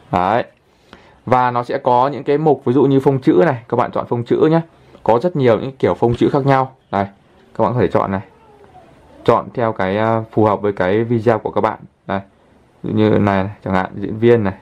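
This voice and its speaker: A man hosting a casual app tutorial, chatting his way through each step and filling pauses with little pointer words. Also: fairly low pitch, darkish tone, lo-fi sound. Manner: chatty, fills pauses with constant "đấy" and "đây". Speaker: channel host, tutorial presenter.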